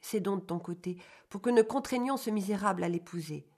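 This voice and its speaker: A man reading an audiobook, voicing a gentle, patient young mistress of the house who speaks softly and coaxingly. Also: sits high, fairly quick, voice pushed up. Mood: earnest. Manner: soft, coaxing, conciliatory. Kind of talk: audiobook character voice.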